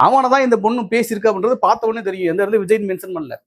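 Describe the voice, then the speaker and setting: A male political commentator and host from Tamil Nadu delivers opinionated commentary to viewers in a high-pitched, very fast voice. He sounds combative and indignant, repeating phrases for emphasis.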